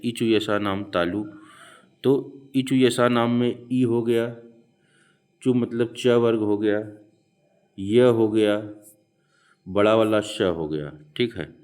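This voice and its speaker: A male teacher explaining Hindi grammar for an exam, slowly repeating each rule and its mnemonic for his students. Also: fairly low pitch, a little mellow. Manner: slow, repeats mnemonics aloud. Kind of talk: exam prep lecture.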